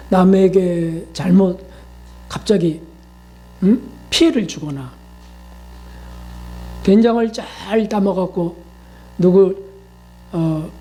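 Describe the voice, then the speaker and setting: A man's voice: high-pitched, mellow. A male pastor preaching a sermon in a conversational style, often asking the congregation questions and acting out quoted voices.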